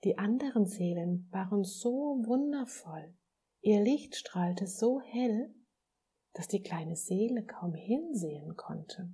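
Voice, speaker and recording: A woman reading a gentle story aloud in a soft, hushed way. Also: mid-range voice, animated, husky. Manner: soft, slow, hushed reading with voiced characters. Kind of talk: scripted story narration.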